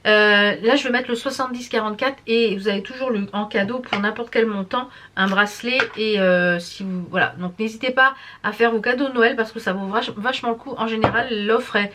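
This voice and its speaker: A woman's voice: on the high side, fairly quick, few pauses, background noise. A tired woman chatting casually to camera as a vlogger, rambling and stumbling over her words. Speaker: beauty and embroidery vlogger.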